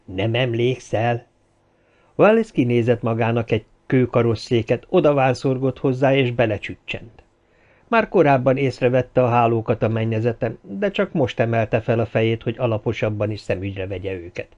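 A male audiobook narrator telling a story in steady scripted narration. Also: mid-range voice, lo-fi sound. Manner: steady storytelling, many character voices.

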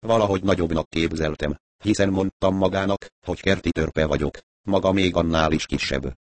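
A man's voice: low-pitched, no room sound, close to an everyday voice. A man voicing a tiny, sly, sarcastic middle-aged crook who talks crude and whiny.

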